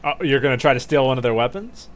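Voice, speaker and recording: A man acting as game master, narrating and refereeing a tabletop game casually, often pausing to think aloud. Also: mid-range voice, lively intonation, fairly bright tone.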